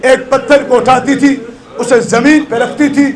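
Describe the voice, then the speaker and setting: Man, Pakistani Urdu accent, very high lamenting voice, mourning sermon, crowd of mourners weeping behind. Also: fairly even intonation. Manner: wailing, sung lament with rising cries. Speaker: preacher. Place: house gathering with mourners.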